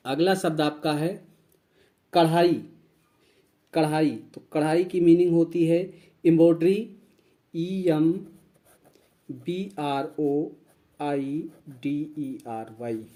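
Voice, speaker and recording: Slow man teaching vocabulary. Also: on the high side, dark tone. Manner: slow, repeats each word and spells it out. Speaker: English teacher. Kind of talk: vocabulary lesson.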